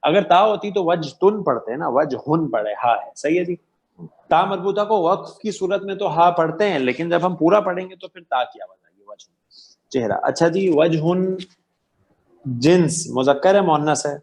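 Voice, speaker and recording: A man's voice: a little high, a little mellow. A man teaching an online Arabic grammar class, quizzing students patiently and affirming their answers. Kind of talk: interactive online class lecture.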